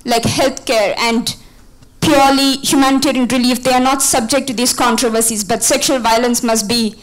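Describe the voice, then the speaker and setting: A woman's voice: a little high, steady tone, moderate pace, poor audio. A young woman from India, asking a panel a long, articulate question from the audience via a handheld mic. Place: conference hall. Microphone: handheld microphone.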